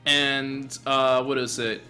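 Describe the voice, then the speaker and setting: A man streaming a game, chatting casually with friends, animated and swearing often as he mimics characters. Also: mid-range voice, slow, faint music behind. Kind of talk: casual gaming chat.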